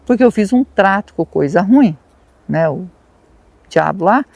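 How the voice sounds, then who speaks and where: A woman's voice: mid-range voice, animated, a little slow, gravelly, a little mellow, dry recording. Lady quoting a desperate farmer dad begging, plain dry voice. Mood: confessing. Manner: pleading. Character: desperate rich farmer father.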